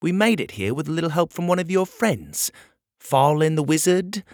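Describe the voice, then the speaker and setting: A man's voice: fairly high pitch, big pitch swings, normal speed, a little mellow, no echo, studio quality, voice pushed up. A man voicing a brave, loyal young male hero who speaks up earnestly.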